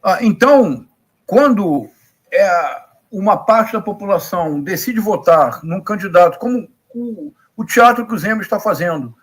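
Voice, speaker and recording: Male political commentator, middle-aged, Rio Brazilian accent. Notably high register, lecturing and emphatic, builds points through repetition. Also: expressive, unhurried, husky. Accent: Rio de Janeiro Brazilian Portuguese. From Rio de Janeiro, Brazil. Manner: emphatic, didactic, rhetorical questions and repetition.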